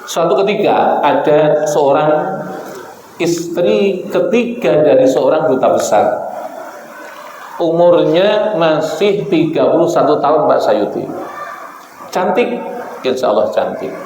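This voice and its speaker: A middle-aged man preaching a sermon, joking and telling stories, reciting Arabic verses slowly. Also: a little high, animated, darkish tone. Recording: echoey hall with faint noise.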